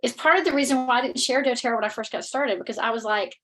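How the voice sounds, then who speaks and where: A woman with a Southern accent speaks frankly and chattily to a webinar audience from her home. Her voice sits a little high and carries the loose, filler-laden flow of someone talking on a video call. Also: fast, a bit bright, low-quality recording. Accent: Southern American. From North Carolina. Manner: candid, blunt, chatty with many fillers. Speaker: network marketing leader. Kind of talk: webinar presentation.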